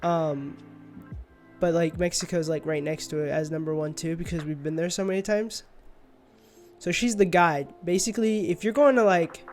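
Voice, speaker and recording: Young male streamer, sleepy and rambling, higher-pitched, soft music in background. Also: fairly even intonation, moderate pace. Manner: rambling, drowsy, trailing off. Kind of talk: casual livestream chat. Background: faint music.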